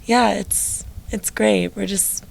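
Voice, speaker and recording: In this interview clip, a band's lead singer in her late teens talks in a low, raspy voice, filling her casual chatter with lots of "like." She speaks slowly with fairly even intonation, and there's slight background noise.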